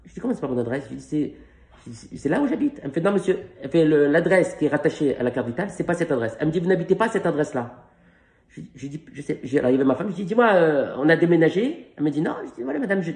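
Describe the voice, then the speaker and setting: Man, 50s, stand-up comic, very rapid delivery, mellow tone, echoey stage room. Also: on the high side. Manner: animated, acts out phone calls in quick back-and-forth. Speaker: stand-up comedian. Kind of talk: stand-up storytelling.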